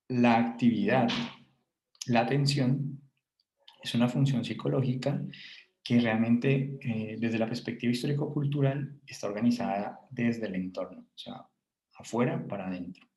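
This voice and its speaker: A man's voice: medium pitch, dark tone, roomy sound, low-quality recording. A man with a Colombian Spanish accent gives a university class lecture, explaining as he goes, thinking aloud with fillers and restarts.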